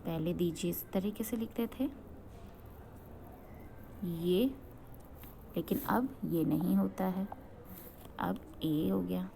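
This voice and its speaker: A woman's voice: mid-range voice, creaky, warm tone, slight background noise. Patient woman teacher explaining grammar. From Uttarakhand, India. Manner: explanatory, poses questions and answers them, checks in with "okay". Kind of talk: grammar lesson.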